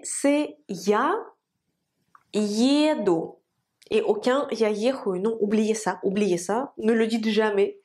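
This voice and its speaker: Slow-spoken woman teaching pronunciation. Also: a little high, darkish tone. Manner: slow, deliberate pronunciation drills, repeating words. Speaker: Russian teacher. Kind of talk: language lesson.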